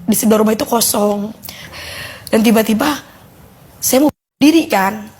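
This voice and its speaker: A woman with a Betawi Jakarta accent giving a casual personal testimony, telling her story in a lively way and acting out the voices of others. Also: on the high side, normal speed, slight background noise. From Jakarta, Indonesia. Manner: animated storyteller who acts out quoted voices. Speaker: guest giving a faith testimony.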